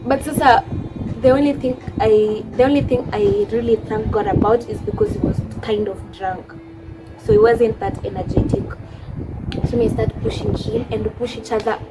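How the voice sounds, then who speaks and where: A woman's voice: a little high, fairly even intonation, moderate pace, over loud music. A young woman with a Kenyan accent telling a personal story on her vlog, emotional and switching into Swahili. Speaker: vlogger.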